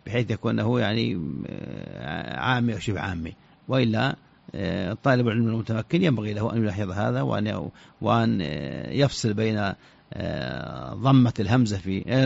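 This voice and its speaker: A man's voice: lowish voice, expressive, gravelly. A man, an Islamic scholar, answers listener questions on the radio, often stopping and restarting his words. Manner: halting, many restarts and repeated syllables. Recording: dull lo-fi radio recording.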